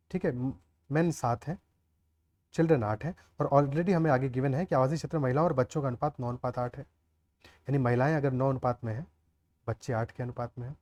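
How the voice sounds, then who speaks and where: Here a man explains a maths lesson aloud, step by step, in a voice that is a little high and a little mellow. He often checks in with his students using "clear?" and "okay."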